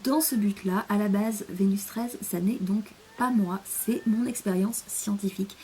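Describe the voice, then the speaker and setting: A woman's voice: medium pitch, unhurried, warm tone. A young French woman chatting in a casual rambling monologue, hesitant, with many fillers, often sinking to a near-whisper. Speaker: vlogger.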